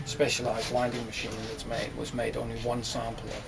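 A creaky, mid-range voice with completely flat delivery and a slightly fast pace belongs to an older audio company founder giving a factory tour. He rambles, restarts often, and gestures as he talks, captured on a camera mic in a large, shelved indoor warehouse with heavy background noise.

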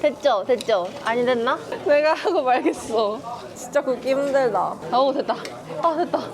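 A woman food vlogger chatting playfully as she eats, full of quick exclamations. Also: sits high, expressive. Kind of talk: casual mukbang chat. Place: busy restaurant. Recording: restaurant crowd chatter behind. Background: diners chattering.

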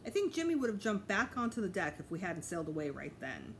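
In a home recording with clear background noise, a middle-aged woman expressively reads a children's story aloud, like a teacher to her pupils, with minor slips and self-corrections. She talks fast in a lower voice that swings widely in pitch.

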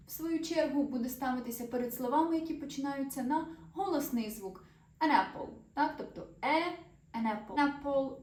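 A woman's voice: on the high side, a little mellow. A woman teaching a grammar lesson to viewers, explaining patiently and putting questions to them. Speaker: English teacher. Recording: echoey room, voice a little far from the mic.

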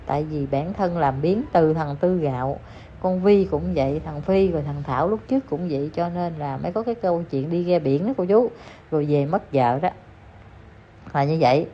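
A woman's voice: on the low side, warm tone, slight background noise. Emphatic woman gossiping. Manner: emphatic, repetitive, scolding. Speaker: online commentator addressing viewers. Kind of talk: casual gossip commentary. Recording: slightly dull lo-fi audio with faint ambience.

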